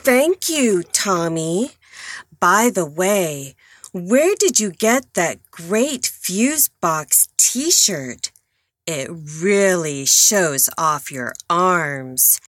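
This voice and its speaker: A woman's voice: lowish voice, very animated, a bit bright, dry recording, studio quality, exaggerated voice. A woman playing a flirtatious suburban housewife full of suggestive innuendo in a parody radio advert. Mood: flirty, sweet. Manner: slow, suggestive, breezy innuendo. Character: flirtatious suburban housewife, a friend's seductive mother.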